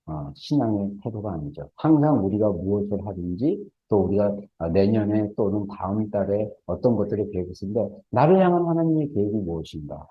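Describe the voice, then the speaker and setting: A man's voice: fairly low pitch, breathy edge. A male pastor giving a Sunday sermon in a church, talking earnestly with filler sounds between phrases and building to fervent, emphatic peaks. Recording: dull lo-fi sermon recording.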